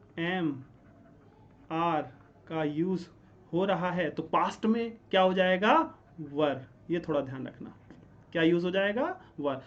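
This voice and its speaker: Male teacher explaining grammar at a board, drilling with quick self-answered questions; slightly muffled recording. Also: high-pitched. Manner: explains step by step, asks and answers his own questions; keeps checking in with "ठीक है?". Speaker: English teacher. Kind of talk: classroom-style grammar lesson.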